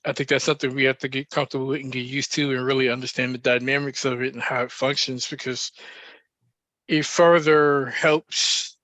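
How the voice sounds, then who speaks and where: A man hosting a podcast, speaking in a reflective, measured way with frequent pauses and fillers. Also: mid-range voice, flat delivery, a bit bright, dry recording. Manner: reflective, measured, thinking aloud with many fillers. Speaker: podcast host. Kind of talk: casual podcast discussion.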